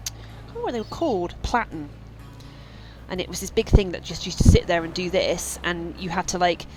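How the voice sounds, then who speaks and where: Female streamer, chatty and meandering, slightly low voice, faint music under her. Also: low-quality recording. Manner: rambling, chatty, many fillers. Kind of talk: casual let's-play chat.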